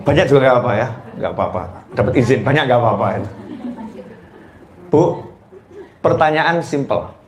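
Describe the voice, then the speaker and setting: A man preaching a sermon to a live audience, playfully quizzing the mothers and mimicking them in high squealing voices. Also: lively intonation, normal speed, long pauses, a little mellow, roomy sound. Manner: playful, teasing the audience with questions.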